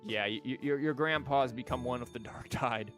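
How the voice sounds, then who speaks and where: A young man with a mid-range, slightly bright voice streams a story game at a moderate pace. His commentary is profane and full of sarcastic jokes aimed at the characters, with faint game music in the background.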